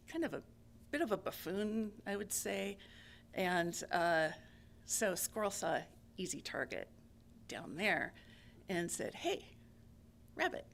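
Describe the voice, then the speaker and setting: A middle-aged woman telling a parable as a church speaker, in a gentle, homely storytelling manner. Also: lowish voice, creaky, a little hiss or hum.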